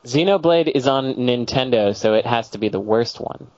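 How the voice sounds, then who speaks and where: A man trades deadpan jokes in a casual podcast chat, laid-back and unhurried in tone. His pitch is middling. The recording is dry and dull, like low-grade podcast audio. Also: no room sound. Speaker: podcast co-host.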